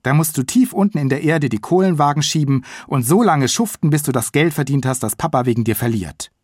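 Exasperated storybook mother, as a male author puts her on, high sharp outbursts, husky edge, very lively pitch, dry close sound. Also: a little slow, no room sound, full character voice. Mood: scolding. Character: exasperated mother, shrill when upset. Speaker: author reading his own book. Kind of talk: audiobook reading by the author.

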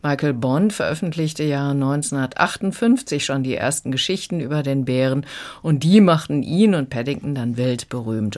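A woman's voice: a bass voice, a little mellow. A woman giving a friendly, explanatory radio review of a children's audiobook.

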